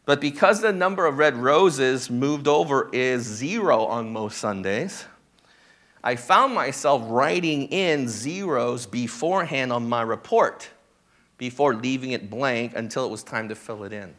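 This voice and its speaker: A male pastor giving a sermon in a conversational way, often checking in with the congregation, and turning animated when he acts out the disciples. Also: mid-range voice, unhurried. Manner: conversational, checks in with "right?" and "okay?".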